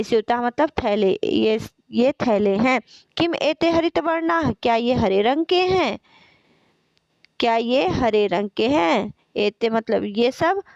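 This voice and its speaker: A woman's voice: a little high, no room sound. A woman Sanskrit teacher explaining a school textbook lesson, reading out words and repeating their meanings patiently. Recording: dull lo-fi recording.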